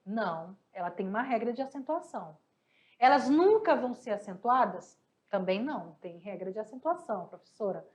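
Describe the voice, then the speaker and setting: A Brazilian woman teaching a class, a little hoarse, patiently asking questions and answering them herself. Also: medium pitch, animated, moderate pace, darkish tone. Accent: Brazilian Portuguese. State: slightly hoarse, coughing. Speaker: Spanish teacher. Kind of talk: online class explaining exercises.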